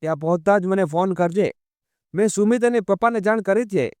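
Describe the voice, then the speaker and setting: Narrator doing a calm gentle husband, smooth high-ish voice, soothing. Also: male voice, fairly quick, no echo, studio quality, lightly acted. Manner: soothing, explaining tone.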